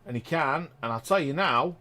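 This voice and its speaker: An excitable man, doing chatty live commentary on a pool match and exclaiming loudly at big shots. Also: fairly high pitch, moderate pace. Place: pool lounge.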